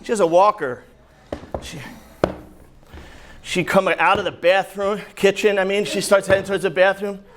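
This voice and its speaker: A man from New Jersey with a New Jersey accent doing a brash, profane stand-up set, singing and shouting bits on a comedy club stage. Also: high-pitched, level tone, normal speed, long pauses. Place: comedy club stage before a laughing audience. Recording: live club crowd audible.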